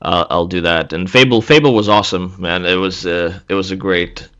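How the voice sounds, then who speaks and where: A man in his thirties from Latvia, a guest artist chatting casually in an interview, relaxed and laughing easily. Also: deep voice, moderate pace, clean tone, highs cut off. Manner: relaxed, laughs easily, speaks in loose restarts. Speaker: guest, senior environment artist.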